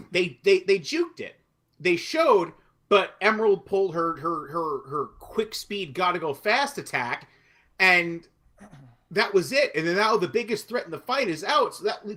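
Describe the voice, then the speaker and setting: A man co-hosting a podcast in casual chat, animated and swearing, often laughing. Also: fairly high pitch. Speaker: podcast co-host.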